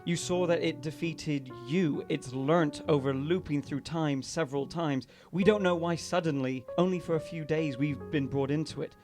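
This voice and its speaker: A man's voice: on the high side, normal speed, hardly any pauses, close to an everyday voice. A man voicing an earnest male cleric who pleads urgently for help, a little away from the mic, over faint music. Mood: pleading.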